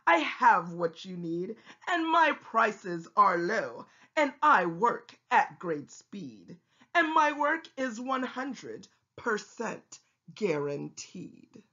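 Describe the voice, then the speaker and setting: A woman voicing a sly, boastful male salesman with smooth sales patter in a rhyming storybook. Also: mid-range voice, big pitch swings, slow, bright, forceful tone, dull audio, heavily acted. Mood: eager, selling. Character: sly, fast-talking male salesman peddling machines. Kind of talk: rhyming storybook read-aloud.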